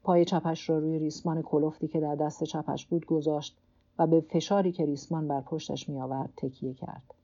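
Low, mellow woman reading a novel aloud. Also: fairly even intonation, muffled recording. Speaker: audiobook narrator. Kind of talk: scripted literary narration.

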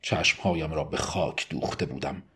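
A man narrating a novel in the first person, in a measured, subdued way. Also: a bass voice, fairly bright tone. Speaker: audiobook narrator.

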